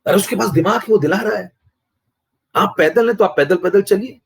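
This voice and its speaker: A man's voice: high voice, brisk, creaky, husky. A man teaching chemistry in a live-streamed online lecture, boastful and forever checking whether his students follow. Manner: boastful, keeps asking students if they follow.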